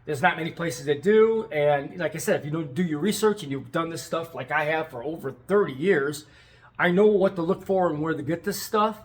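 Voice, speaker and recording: Speaking at normal speed in a slightly high voice, this middle-aged American video tape restorer and channel host rambles through a casual vlog update, enthusiastic and frequently repeating himself.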